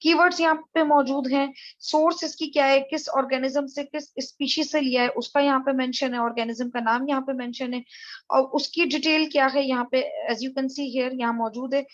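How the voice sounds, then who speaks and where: Female lecturer, high register, methodical tutorial delivery; dry, dull lo-fi recording. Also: steady tone, moderate pace, no echo. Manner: methodical, step-by-step explaining to viewers.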